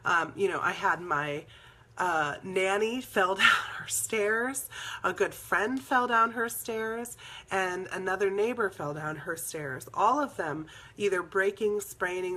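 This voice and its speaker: Woman, spiritual healing teacher; bright, breathy-husky voice; earnest, rambling personal storytelling. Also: mid-range voice, unhurried. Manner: earnest, rambling, with soft laughs and fillers.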